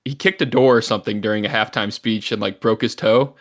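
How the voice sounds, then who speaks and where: A man's voice: on the low side, steady tone, fairly quick. A man co-hosting a casual sports podcast, joking and swearing freely. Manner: joking, profane. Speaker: podcast co-host.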